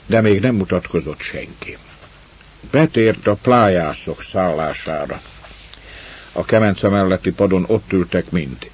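Low husky male audiobook narrator. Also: a little mellow, muffled recording.

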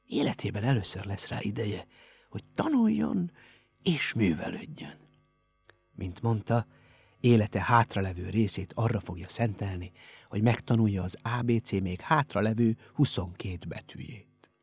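A man narrating an audiobook in a steady storytelling manner. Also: lowish voice, vocal fry, slightly rough, no room sound, soft background music. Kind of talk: scripted narration.

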